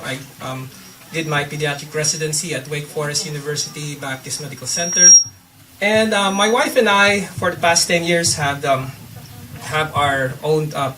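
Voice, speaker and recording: A man's voice: a little high, sharp tone. A man giving a short, friendly self-introduction, hesitating with uhs. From Philippines. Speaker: pediatrician introducing himself. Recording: distant mic in a hall, faint noise.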